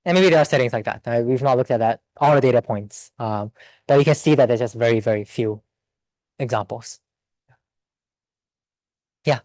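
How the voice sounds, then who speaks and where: A man giving a seminar talk and answering audience questions in a quick, think-aloud way with restarts. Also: mid-range voice, a little mellow, no room sound. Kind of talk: academic Q&A.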